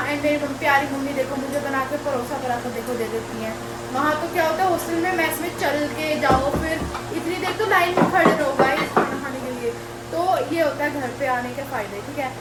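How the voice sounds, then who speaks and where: Young woman, home vlog, sore throat, casual and chatty, high voice, echoey room. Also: heavy background noise. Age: young adult. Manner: chatty, mixes Hindi and English, addresses viewers as guys. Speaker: vlogger. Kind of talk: casual vlog narration to camera. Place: family home, kitchen and rooftop.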